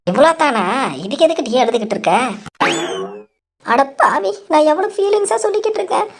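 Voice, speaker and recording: A woman voicing a quick-tongued, dramatic young daughter-in-law in a cartoon, sassy and defiant. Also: fairly high pitch, animated, slight background noise, close to an everyday voice. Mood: whining. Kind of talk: cartoon voice acting.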